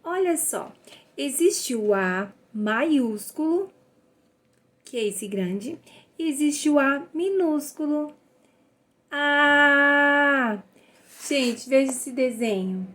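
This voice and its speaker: A woman's voice: high voice, fairly bright tone. A woman teaching a phonics lesson to young children. She sounds out letters one by one and praises the children cheerfully. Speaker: literacy teacher.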